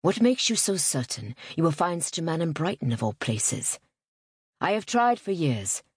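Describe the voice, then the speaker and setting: A stern older father who is disapproving and controlling, as a woman narrator puts him on. He speaks low, firm and measured, with a husky edge and a dry, close sound. It comes from an audiobook reading. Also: very animated, dry recording, heavily acted.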